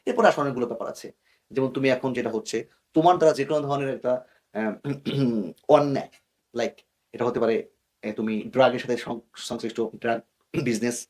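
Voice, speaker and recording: A man's voice: medium pitch, normal speed, pauses often, darkish tone. Earnest man explaining as an interview guest. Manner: earnest, cautionary, mixes English words into his speech. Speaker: guest expert.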